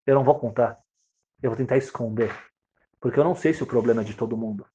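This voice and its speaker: A man's voice: medium pitch, fast, dark tone, dull audio, slight background noise. A man teaching a Torah lesson, reading Hebrew verses and explaining them with theatrical, dramatized storytelling.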